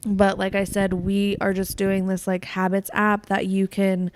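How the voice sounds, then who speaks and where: A woman's voice: medium pitch, monotone, unhurried. Chatty young woman co-hosting a podcast. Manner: chatty, giggly, trails off with fillers. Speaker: podcast co-host. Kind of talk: casual chat.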